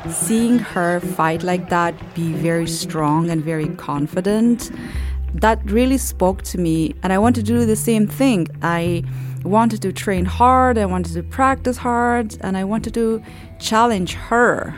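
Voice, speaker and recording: A woman's voice: mid-range voice, slow, music in the background. A woman, telling her story in a documentary interview in an earnest, reflective way. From Afghanistan. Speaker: interviewee, former Olympic judoka.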